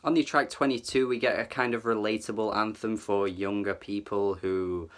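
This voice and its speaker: Fairly low in pitch with fairly even intonation and a fairly bright tone, this man speaks at a moderate pace as he reviews an album. He's casual and enthusiastic, chatting through it with plenty of filler, hedging constantly with "kind of" and "like".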